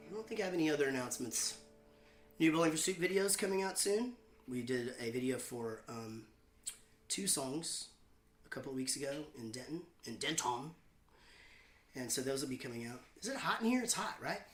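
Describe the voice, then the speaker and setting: A man hosting his own show, chatting and telling rambling, self-mocking stories between songs with deadpan jokes. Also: medium pitch, a little fast. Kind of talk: casual banter between songs. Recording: roomy echo with faint guitar.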